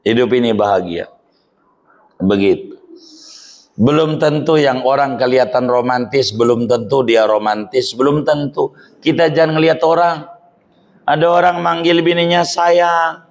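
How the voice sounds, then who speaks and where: Slow-talking joking male preacher. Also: medium pitch, fairly even intonation. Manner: joking, colloquial Jakarta slang. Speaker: religious teacher. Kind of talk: Islamic study sermon.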